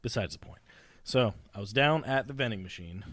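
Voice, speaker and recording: A man playing a sweaty, excitable young sailor who rambles breathlessly through a story in an improvised comedy audio drama. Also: fairly low pitch, a little fast, no room sound.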